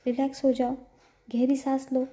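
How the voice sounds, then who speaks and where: A woman voicing a gentle young woman who soothes her partner in a soft, coaxing, affectionate way, in a storybook reading. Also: sits high, level tone, normal speed, natural voice. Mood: soothing.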